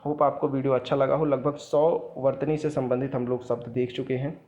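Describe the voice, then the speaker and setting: A man in a teaching role works through a spelling lesson for exam prep. He explains patiently and repeats each wrong and right form, gesturing toward written words as he goes. His voice sits at a middle pitch, and the recording sounds somewhat muffled and lo-fi. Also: level tone, a little fast, a little mellow. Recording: dull lo-fi sound.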